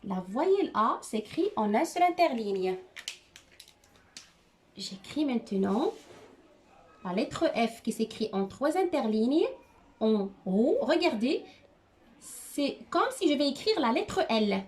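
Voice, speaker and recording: Patient woman teacher, slightly high voice, slow step-by-step handwriting lesson. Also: very animated, a little mellow.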